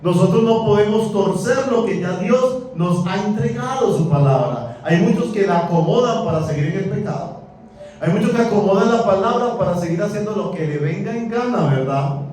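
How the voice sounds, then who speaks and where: A man preaching a sermon, animated and asking the congregation questions, heard from a distance in a church hall. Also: sits high, normal speed. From Colombia. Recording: echoey church, mic far off.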